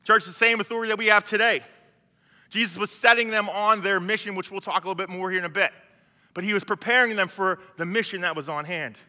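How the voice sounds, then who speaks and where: Guy preaching a sermon, chatty, keeps restarting, high voice, long echoey church reverb. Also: fast talker, sharp tone. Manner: conversational, acts out biblical scenes, many restarts. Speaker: pastor.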